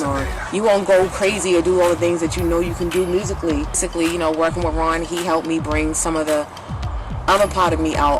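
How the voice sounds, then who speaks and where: A woman singer talking candidly in an interview, rambling and swearing, with lots of "like". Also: low voice. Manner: rambling, profane, full of "like". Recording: music playing under the voice.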